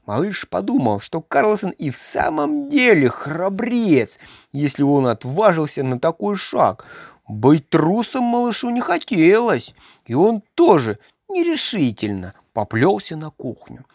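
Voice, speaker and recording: A woman reading a children's story aloud, narrating in an expressive, measured way. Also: fairly low pitch, no echo, clean studio sound.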